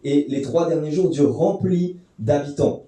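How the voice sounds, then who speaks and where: A man's voice: on the high side, measured pace, mellow, heavy reverb, far from the mic. A man preaching a sermon to a congregation, explaining the text conversationally with fillers and restarts. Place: church hall.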